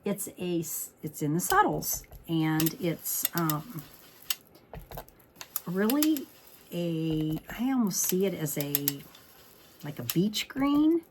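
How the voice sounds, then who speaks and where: Hosting a craft tutorial, a woman chats informally and thinks aloud while making cards. Her lowish, slightly froggy voice swings widely in pitch, and she takes it slowly with long pauses. The background is noisy.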